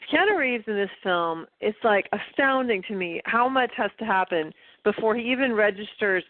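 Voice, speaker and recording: A woman's voice: mid-range voice, expressive, normal speed, dry recording. A woman co-hosting a casual film review podcast, speaking in a blunt, sardonic way. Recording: phone-like remote call line.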